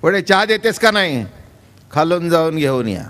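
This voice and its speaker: A man's voice: on the high side, big pitch swings, normal speed, fairly bright tone. An older man voicing an ordinary housewife, pleading and then defiant, inside a kirtan story. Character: stubborn ordinary housewife, middle-aged woman.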